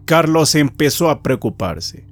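A man's voice: fairly high pitch, very animated, unhurried. A man reading a scripted horror story with dramatic storytelling. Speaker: narrator. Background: faint music.

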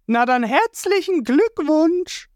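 A man's voice: very high voice, animated, takes it slowly, no echo, studio quality, pitched above the performer's own voice, full character voice. A man voicing a smug, scheming male villain who drawls his words.

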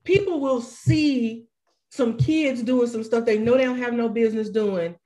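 A woman with a fairly high voice co-hosts a relaxed podcast conversation. She talks in an animated, emphatic way, leaning hard on her points. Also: a little slow. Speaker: podcast co-host. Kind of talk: casual chat.

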